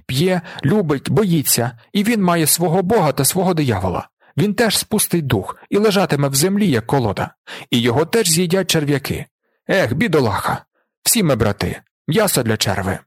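A man reading an audiobook, voicing a gruff aging male wanderer who tells his past with vivid emotion. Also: on the high side, dry recording, studio quality. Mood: passionate.

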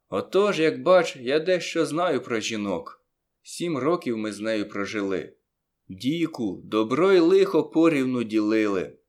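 Man reading a story expressively. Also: medium pitch. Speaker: audiobook reader. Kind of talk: scripted narration of a first-person story.

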